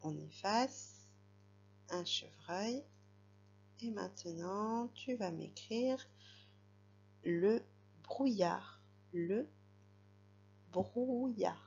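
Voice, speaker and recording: Slow, patient woman dictating spelling words. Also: mid-range voice, vocal fry, a little mellow. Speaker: teacher. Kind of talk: spelling dictation lesson for a child. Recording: slightly dull, lo-fi recording.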